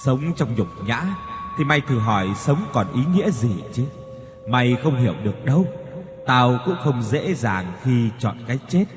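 A man's voice: mid-range voice, very animated, a little slow. A man voicing the ghost of a young man who died wronged, speaking with bitter grief and gritted teeth over faint music in a reverberant space.

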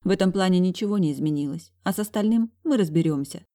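A woman narrating a first-person audiobook, reading the dialogue with emotional, expressive delivery. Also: lowish voice, quick pace.

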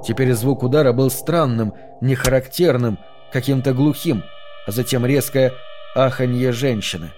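A man narrating an audiobook in a calm, measured way. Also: medium pitch, faint music behind. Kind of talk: scripted narration.

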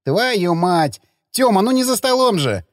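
Play this as a man voicing a brash young hothead in an audiobook, pitched well above your own voice, loud and mocking, always ready to pick a fight. Keep it dry and close to the mic. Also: big pitch swings, dry recording. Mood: indignant. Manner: loud, mocking and quick to bicker. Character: grumbling young man, brash and hot-tempered.

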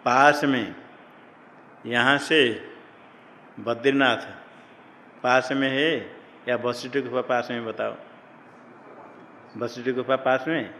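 A man's voice: mid-range voice, fairly bright tone, big-room sound, a little hiss or hum. A man teaching Sanskrit grammar to a class. He keeps asking the students questions and then answers them himself, repeating the key terms. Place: ashram classroom.

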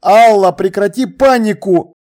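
An audiobook reader voicing a flustered young man in trouble, defensive and hurried. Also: mid-range voice, a little mellow, pitched above the performer's own voice, lightly acted. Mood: urgent. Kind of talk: audiobook dialogue.

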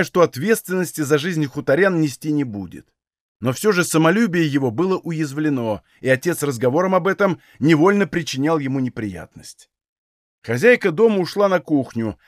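A man reading a novel aloud as an audiobook narrator, measured storytelling. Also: on the high side, no echo, studio quality. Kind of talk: scripted narration.

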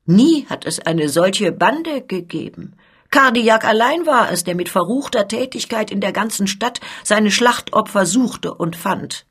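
A woman's voice: mid-range voice, slightly rough. A woman voicing an anguished, earnest young male journeyman making an agitated confession in a storybook reading.

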